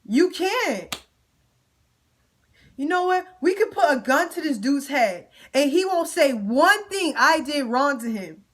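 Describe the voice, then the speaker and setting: In a storytime vlog, a young woman with a high, fairly bright voice vents to her viewers, speaking directly to them in casual slang. She gets emotional and at times sounds close to tears.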